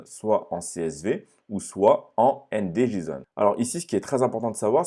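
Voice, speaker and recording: A young man walks through a software tutorial in a very low, husky voice. His tone is dark and mellow, and he paces his explanation step by step, frequently stopping to ask "ok?" into a close microphone. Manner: explains step by step, often checking with "ok?". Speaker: online course instructor. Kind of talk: screen-share tutorial.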